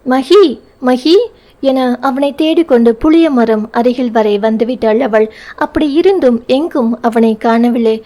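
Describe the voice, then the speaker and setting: A woman narrating a romance novel in steady storytelling fashion. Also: fairly high pitch, moderate pace.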